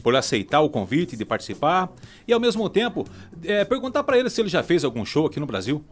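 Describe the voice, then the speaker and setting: A man's voice: fairly high pitch, racing. A man hosting a radio interview, talking effusively and padding phrases with "é" and "né". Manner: lively, effusive, stretches words with "é" and "né". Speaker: radio host. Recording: radio studio with music bed.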